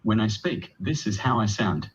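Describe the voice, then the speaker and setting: A man's synthetic text-to-speech voice played back from a computer, reading a sample line in an even, scripted delivery. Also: fairly low pitch, normal speed. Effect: synthetic text-to-speech voice played back through a computer. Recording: distant dull playback with faint noise.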